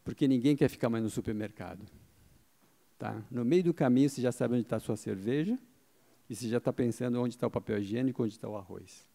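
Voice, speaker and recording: A middle-aged man with a mellow, mid-range voice and some vocal fry speaks fairly quickly. Addressing a live conference audience seated in an event hall, he gives a marketing talk with a handheld mic. He explains as he goes, fielding his own questions and adding frequent "tá?" tags.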